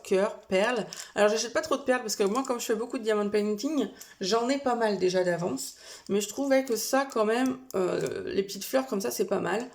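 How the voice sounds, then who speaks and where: A woman's voice: medium pitch, creaky, a little mellow. A woman chatting casually to camera as she shows a shopping haul, talking in a hesitant way with many fillers and small self-corrections. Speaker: vlogger showing a shopping haul.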